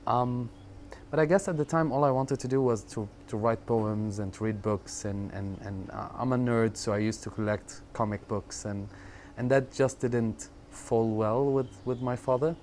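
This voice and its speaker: A man in his thirties from Syria speaks in a reflective, halting way, often repeating words and pausing on fillers as he recalls his life. His voice sits at a middle pitch for a man. A faint background noise stays under the recording. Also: steady tone, a little mellow. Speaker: interviewee. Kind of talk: personal storytelling in conversation.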